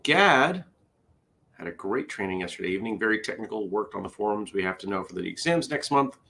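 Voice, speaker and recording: A tired man hosting a relaxed morning livestream, talking easily to his viewers. His pitch rises and falls a lot, lively and animated even while he sounds worn out. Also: a little fast, gravelly. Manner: tired, chatty, reads out viewer comments. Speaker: host. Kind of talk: casual morning livestream chat.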